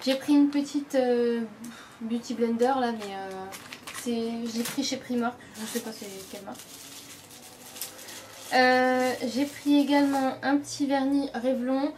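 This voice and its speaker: Young woman beauty vlogger, rambling and casual, slightly high voice, recorded at home with clear background noise. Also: fairly even intonation, unhurried, a little mellow. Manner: chatty, many fillers and self-corrections. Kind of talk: casual product show-and-tell.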